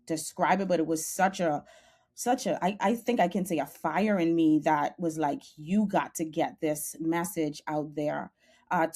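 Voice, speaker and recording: A woman's voice: low voice, dark tone. A young adult woman with a Bahamian accent, a podcast guest speaking earnestly and passionately about her journey, over a video call. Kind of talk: podcast interview.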